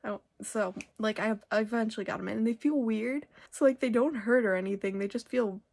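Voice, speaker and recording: A woman's voice: fairly high pitch, fairly quick, creaky, a little mellow. A young woman giving a casual, chatty tutorial, rambling informally with lots of "like". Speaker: makeup tutorial host.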